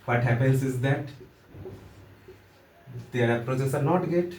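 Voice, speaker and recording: A man's voice: mid-range voice, slow, darkish tone, slight background noise. A man with an Indian accent giving a casual, joking lesson in loose, hesitant phrasing. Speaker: teacher. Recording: roomy echo, voice from a distance.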